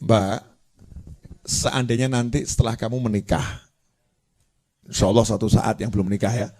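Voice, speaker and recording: A man's voice: fairly low pitch, steady tone, moderate pace, mellow. A man gives a playful sermon, quizzing his listeners and acting out little scenes. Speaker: preacher.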